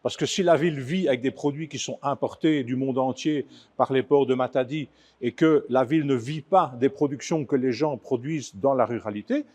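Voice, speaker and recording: A man speaks as a guest in a television studio, earnest and methodical, with his voice rising in force as he lists his points. His pitch sits in an ordinary middle range. He is from the Democratic Republic of the Congo. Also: normal speed, hardly any pauses, darkish tone. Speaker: author and film producer, guest. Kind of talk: studio interview.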